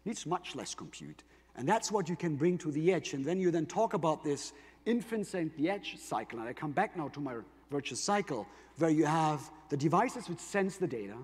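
With a slightly high, somewhat mellow voice carrying a breathy edge, a tech company's conference presenter speaks in a German accent. He explains his keynote material and drives points home with rhetorical questions, and the recording has the reverb of a large hall.

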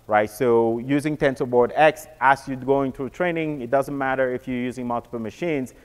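A man's voice: mid-range voice, clean tone. Man explaining tech, with hall reverb. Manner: casual, repeats words and restarts often. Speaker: presenter. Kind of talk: technical walkthrough.

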